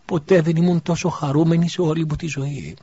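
A man voicing an overwhelmed widow and mother in an audiobook, pushing his voice very high and loud with passion. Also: animated, slightly rough, dry recording. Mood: tearful joy. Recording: dull lo-fi recording.

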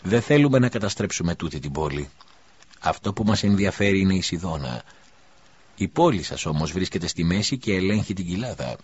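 A man doing a steady foreign officer, low and husky. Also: highs cut off. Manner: steady, measured. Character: calm foreign male officer, steady-voiced.

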